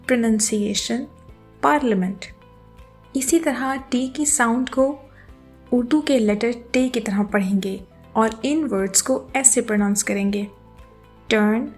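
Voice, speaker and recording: Woman, pronunciation teacher, scripted lesson, clear careful demonstrations, higher voice. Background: soft background music.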